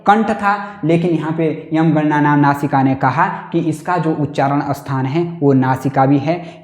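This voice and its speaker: Slow, echoey Hindi-speaking male teacher. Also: fairly high pitch, darkish tone. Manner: slow and repetitive, asks and answers own questions. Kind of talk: exam-prep lesson.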